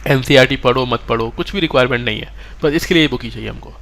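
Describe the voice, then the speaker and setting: A man's voice: medium pitch, very fast, a bit bright. A man teaching a live online exam-prep class, mixing English terms into Hindi and often checking that students follow.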